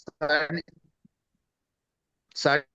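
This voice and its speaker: A man in an online class whose voice keeps breaking up over a bad connection, speaking haltingly and repeating single words. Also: fairly high pitch, level tone, sharp tone. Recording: muffled lo-fi online call audio.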